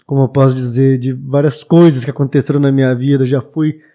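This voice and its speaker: A man's voice: medium pitch, little pitch movement, fairly quick, dark tone. A man in his late twenties from Brazil, a bookshop owner talking reflectively as a podcast guest, with hesitant restarts. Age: 20s. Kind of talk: casual podcast interview.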